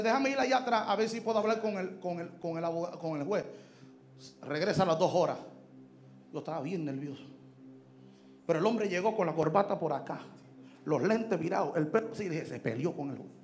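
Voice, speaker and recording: A man preaching a sermon with a gravelly voice, telling a personal story that swings from hushed storytelling to shouting. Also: high-pitched, normal speed, long pauses. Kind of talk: sermon testimony.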